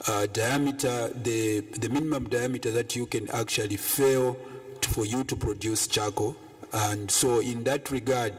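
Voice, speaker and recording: A man from Zambia making a hesitant, unscripted comment in a panel discussion. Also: medium pitch. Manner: hesitant, many fillers and restarts. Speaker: panel participant. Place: conference room.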